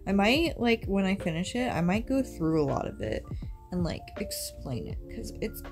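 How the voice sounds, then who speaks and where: A woman's voice: mid-range voice, sing-song, moderate pace, music in the background. A young woman in her twenties talking to her phone camera in a casual vlog, tired and rambling with lots of fillers, first from bed and then indoors in a small rental house. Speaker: content creator. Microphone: phone held at arm's length.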